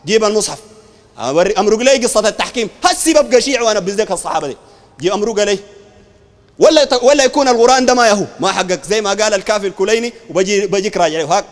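Combative Sudanese preacher, very high, rapid. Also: male voice, lively intonation. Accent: Sudanese Arabic. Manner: combative, fires rhetorical questions, shouts at times. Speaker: Islamic preacher. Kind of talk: heated public debate. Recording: long hall reverb.

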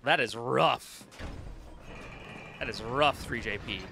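A man's voice: medium pitch, slow pace, creaky, sharp tone, slight background noise. A man giving casual gameplay commentary as a streamer, rambling and swearing.

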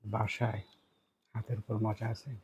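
A Bangladeshi man with a husky voice chats casually to viewers in a mukbang eating show, making unhurried, repetitive remarks between bites. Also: lowish voice, flat delivery, a little mellow, a little hiss or hum. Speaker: food vlogger eating on camera.

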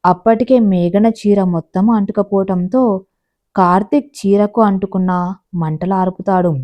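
A woman narrating a family drama story in a plain, steady storytelling manner. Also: mid-range voice, a little slow, dull audio.

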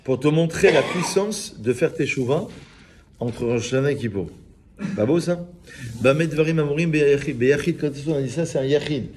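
A man, a rabbi giving an informal, lively Torah lesson and joking with his small group of listeners. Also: fairly high pitch, normal speed, background noise. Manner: lively, teasing, chats with listeners. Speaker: rabbi teaching a class.

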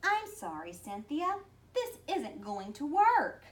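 A woman's voice: high voice, huge pitch swings, slow, voice pushed up, heavily acted. A woman voicing a small, fearless girl in a picture-book reading, chirpy and bossy. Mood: cheery. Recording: distant mic, faint background noise.

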